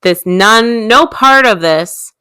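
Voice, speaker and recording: A woman's voice: a little high, expressive, slow pace, bright, forceful tone, smooth, no echo. A woman in her thirties co-hosting a casual chat, talking easily and laughing often. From Illinois. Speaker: co-host.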